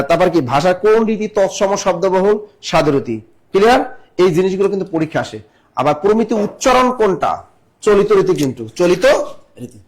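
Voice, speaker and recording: A man teaching a live online exam-prep class, quizzing students and repeating questions while urging quick answers. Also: sits high, darkish tone.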